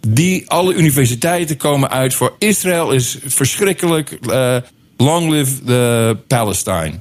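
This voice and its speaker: A man's voice: mid-range voice, animated, measured pace. A man in a casual talk-show conversation, telling stories and acting out what others said. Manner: anecdotal, acts out quoted speech.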